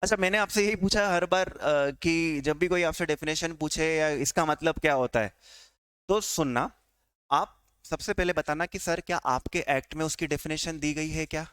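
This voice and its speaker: A man's voice: fairly high pitch, moderate pace, fairly bright tone, clear, resonant tone, no echo, studio quality. A man teaching a tax law class with an Indian accent, quizzing students and answering his own questions. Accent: Indian English. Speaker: tax lecturer. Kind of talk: classroom lecture.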